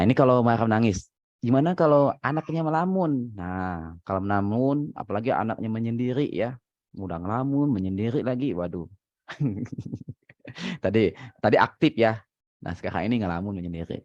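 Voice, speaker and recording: A man's voice: mid-range voice, darkish tone, dry recording. A man, a father, casually giving parenting advice in a chatty way, laughing often and using many fillers. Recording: dry, dull lo-fi sound.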